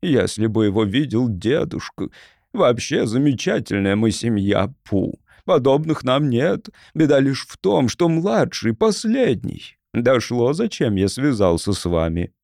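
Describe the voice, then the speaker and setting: A man's voice: medium pitch, sing-song, unhurried, creaky, darkish tone, dry recording, studio quality. A man voicing a pompous, nasty middle-aged quack father who talks smugly, in an audiobook. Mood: smug gloating. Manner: smug, pompous.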